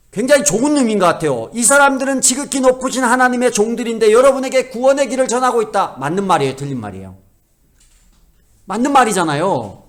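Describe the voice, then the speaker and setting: A man delivers a Sunday sermon in a lively, conversational way, his voice sitting somewhat high and rising and falling a great deal. He keeps asking the congregation questions and drops from loud emphatic lines to hushed asides. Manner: conversational preaching with frequent rhetorical questions to the congregation. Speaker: pastor.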